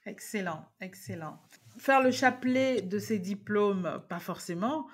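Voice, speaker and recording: Woman podcast host, mid voice, gentle and halting questions. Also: mid-range voice. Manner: soft, searching questions with fillers. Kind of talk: casual interview questions.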